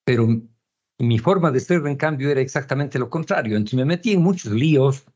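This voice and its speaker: A man's voice: medium pitch, expressive, brisk, darkish tone, husky. An older man, a painter and author, answering interview questions in a reflective, hesitant way, often repeating words as he searches for them. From Ecuador. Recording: dull lo-fi audio.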